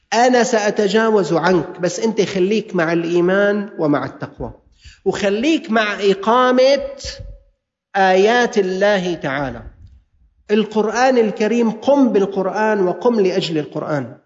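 High-voiced Levantine preacher in an echoing hall. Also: male voice. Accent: Levantine Arabic. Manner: exhorting, mixing classical recitation with colloquial asides. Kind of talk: sermon. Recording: dull lo-fi recording in a reverberant hall.

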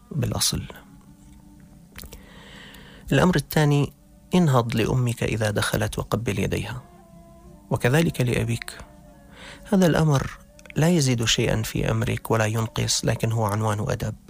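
A man's voice: medium pitch, creaky, husky. A man giving an earnest religious talk, speaking directly to young people as a preacher. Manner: earnest, addresses youth directly.

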